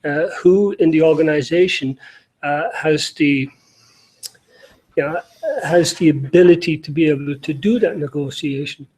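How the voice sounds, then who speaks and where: A middle-aged Irish man speaking on a conference panel, his voice mellow and set a little high for a man. He talks loosely, full of fillers, restarts and asides. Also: a little slow, poor audio. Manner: rambling, many fillers and restarts. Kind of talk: conference talk.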